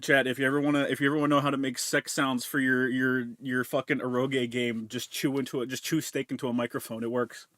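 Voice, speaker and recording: A man's voice: mid-range voice, level tone, quick pace, few pauses, fairly bright tone, dry recording, clean studio sound. A man streaming from home, chatting casually and crudely with his chat while eating and chewing into a desk mic. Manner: crude, joking, talks while chewing food. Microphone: desk mic with noise removal.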